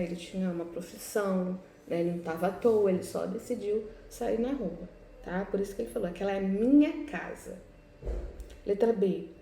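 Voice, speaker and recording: In an echoey room with faint background noise, a woman teacher with a Brazilian Portuguese accent corrects exercises during a recorded class. She has a medium-pitched, warm voice and explains step by step, frequently checking in with "né?" and "tá?" to keep her students with her.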